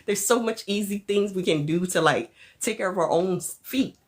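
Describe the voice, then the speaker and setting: A woman's voice: medium pitch, normal speed. A woman vlogger chatting casually and animatedly with her viewers, often laughing. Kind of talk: casual chat with live viewers.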